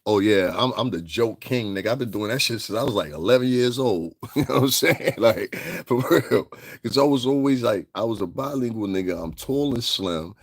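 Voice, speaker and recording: A man's voice: medium pitch, lively intonation, a little fast, dry recording. A man, casually chatting on a live stream, brash and mocking, laughing often as he answers comments. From northeastern United States.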